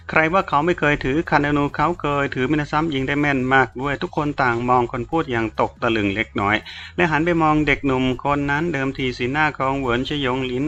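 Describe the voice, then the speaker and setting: A man reading a novel aloud as an audiobook narrator in a steady, even way. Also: mid-range voice, muffled recording. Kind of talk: scripted story narration.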